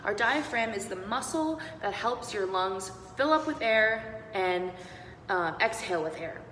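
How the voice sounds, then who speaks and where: A woman's voice: mid-range voice, expressive, measured pace, a bit bright. Upbeat woman teaching in an echoey room. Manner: upbeat, encouraging, demonstrates sounds step by step. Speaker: singing teacher. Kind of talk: online beatboxing lesson. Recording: roomy echo with long reverb and faint noise.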